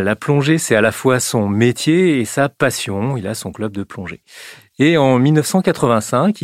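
A man with a gravelly, creaky voice tells the story step by step, in a measured way with many small hesitations. His voice is recorded close and dry in a studio. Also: medium pitch, no echo. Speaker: science journalist. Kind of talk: explaining on a podcast.

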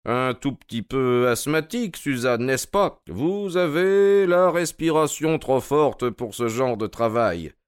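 A man's voice: medium pitch, lively intonation, slow, few pauses, clear, resonant tone, no echo, pitched above the performer's own voice. A man playing an ironic, probing detective in an audio drama reading. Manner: dry, mocking, probing. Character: sharp, ironic male detective, middle-aged.

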